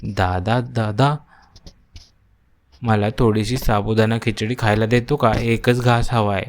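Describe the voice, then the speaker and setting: A man's voice: on the low side, fairly even intonation, takes it slowly. A man voicing a poor, hungry little neighbor boy in a cartoon story, timidly pleading.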